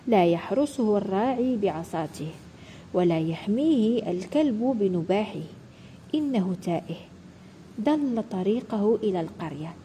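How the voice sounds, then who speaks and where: A woman voicing a sly, clever male fox in a children's storybook, talking in a hushed, confiding way. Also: lively intonation, normal speed, a little hiss or hum, close to an everyday voice, low-quality recording. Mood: whispering. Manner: hushed, confiding, sometimes dropping low.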